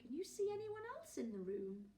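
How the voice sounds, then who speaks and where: With a high, mellow voice and big pitch swings, this primary teacher reads briskly from a picture book to young children. Expressive gasps, whispers and questions for the kids fill the reading. A distant mic picks up a roomy echo and slight background noise.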